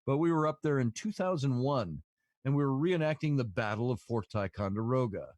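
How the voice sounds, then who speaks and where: A man's voice: mid-range voice, lively intonation, brisk, a little mellow, dry recording. Podcast guy rambling thru a story, lots of uhs, dry close sound. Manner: rambling, filler-heavy storytelling. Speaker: podcast host. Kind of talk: casual storytelling chat.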